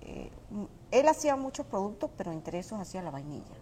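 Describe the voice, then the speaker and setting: Very animated and quick, her mid-range voice has a mellow quality. She owns a small business, comes from Mérida in Venezuela, and recounts personal stories in a casual restaurant interview, where faint dining-room noise sits in the background.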